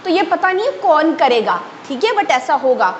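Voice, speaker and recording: A woman teaching English grammar in a lively way, often checking that her students follow. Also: high voice, normal speed. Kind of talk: explaining a grammar lesson. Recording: echoey room, faint ambient noise.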